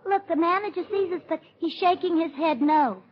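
A woman's voice: very high-pitched, fairly quick. An actress playing a naive, chatty young woman in an old radio drama, innocent and plaintive. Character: naive, chatty young woman, robber's bewildered kid sister. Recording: dull, slightly noisy old radio recording.

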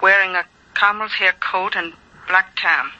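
An actor playing a guarded, mysterious informant speaking formally and deliberately over the telephone in a 1940s radio drama. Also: male voice, high-pitched, fairly even intonation, bright, forceful tone, heavily acted. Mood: guarded, grave. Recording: tinny, band-limited old radio phone voice.

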